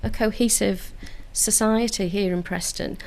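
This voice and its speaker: The audio quality is poor, but you can hear a council community engagement officer with a Liverpool accent being interviewed in a radio studio about community work. Her mid-range voice is creaky and a little mellow, with fairly even intonation and a measured pace. She comes across as earnest and enthusiastic, with frequent filler restarts.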